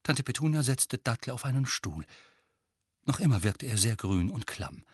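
Expressive male audiobook narrator. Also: mid-range voice, normal speed, breathy edge, dry recording, clean studio sound. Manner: expressive storytelling reading. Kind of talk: scripted narration.

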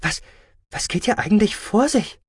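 A man voicing an indignant, stubborn male ship surgeon who protests loudly and stammers when confused. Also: high-pitched, expressive, fairly quick, breathy edge, no echo, clean studio sound, voice pushed up. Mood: bewildered.

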